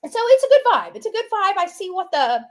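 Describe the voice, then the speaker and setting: A very high-pitched, sing-song woman talks fast through a loose, opinionated monologue. She rambles and repeats herself, peppering it all with "you know" and "right."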